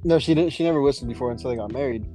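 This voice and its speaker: Brief: young guy, casual storyteller, quick and filler-heavy, faint music bed. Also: mid-range voice, warm tone, poor audio. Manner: rambling, lots of "like" and "you know". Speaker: storyteller among friends. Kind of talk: casual chat.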